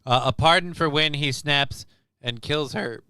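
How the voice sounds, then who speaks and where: A man's voice: a little high, a little slow, pushed and bright, clear, resonant tone, dry recording, clean studio sound. A man co-hosting a casual chat show, rambling and sarcastic, with plenty of swearing. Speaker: co-host.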